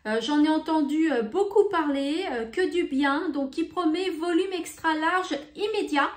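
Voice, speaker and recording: A woman showing beauty products in a casual vlog, talking in an unhurried, hesitant way with many fillers. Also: sits high, echoey room. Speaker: beauty vlogger. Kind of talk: casual haul video.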